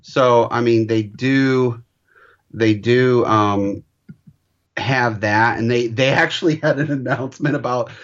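Man, mid pitch, rambling casual talker who laughs a lot; muffled lo-fi sound. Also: fairly even intonation, takes it slowly. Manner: rambling, with many restarts and laughs. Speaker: parent recounting a trip. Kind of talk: casual chat. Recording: dull lo-fi sound.

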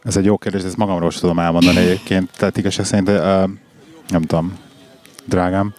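Male podcast host, slightly low voice, informal interview chat with repeated, restarted phrases. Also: little pitch movement, a little mellow. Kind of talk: casual conversational interview.

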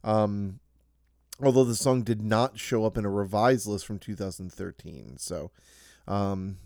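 A man's voice: on the low side, a little slow, a little mellow, no room sound, clean studio sound. A man co-hosting a casual podcast chat, reading out song facts with fillers and joking asides. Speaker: podcast co-host.

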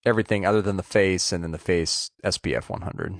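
A man co-hosting a casual podcast, talking in a halting way with pauses and restarts. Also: sits low, no room sound, clean studio sound. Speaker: podcast co-host.

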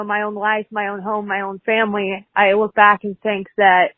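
A woman's voice: medium pitch, dry recording. A woman in her early twenties leaving an earnest, rambling voicemail over the phone. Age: early 20s. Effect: over a phone line, voicemail. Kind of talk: heartfelt voicemail message.

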